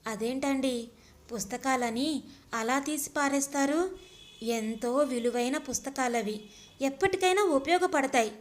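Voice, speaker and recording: A timid young wife, voiced by a woman narrator, speaks up hesitantly and with hurt. Her voice is high and soft-edged. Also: unhurried. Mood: hurt pleading. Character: timid young housewife pleading with husband.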